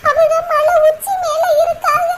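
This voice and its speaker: Bossy village auntie, played by a woman, shrill and very high, scolding with a laugh. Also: flat delivery, measured pace, slight background noise. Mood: gossipy. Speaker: cartoon voice. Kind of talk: cartoon comedy dialogue.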